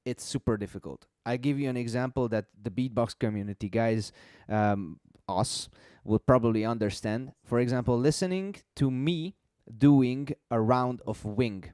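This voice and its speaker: Man calmly explaining, clean dry voice. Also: medium pitch, normal speed, few pauses, clean tone, no echo. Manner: explanatory, repeats words for emphasis. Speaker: host explaining music mixing. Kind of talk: casual live-stream chat.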